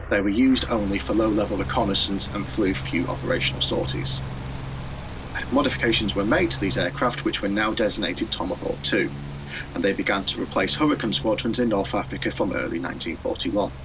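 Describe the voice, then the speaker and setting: A man with a lowish voice narrates as a display pilot. His commentary is measured and matter-of-fact, with clear aircraft engine noise behind it. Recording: steady loud aircraft noise.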